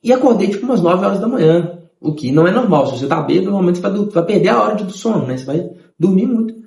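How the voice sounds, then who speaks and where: A man, telling his conversion testimony in an animated way and acting out the voices of others. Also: high voice, very fast, vocal fry, roomy sound. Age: 30s.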